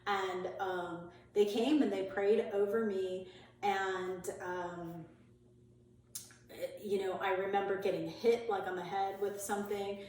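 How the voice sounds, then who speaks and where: A woman tells her own story as a podcast guest, candid and chatty, full of casual fillers. Her voice sinks softer and lower as she recalls the hardest moments. The room is very echoey, and she sits well back from the microphone. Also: steady tone, slow pace, a little hiss or hum. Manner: candid and chatty, with frequent "like" and "you know" fillers. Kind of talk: personal storytelling in a podcast interview. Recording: very echoey room, voice far from the mic.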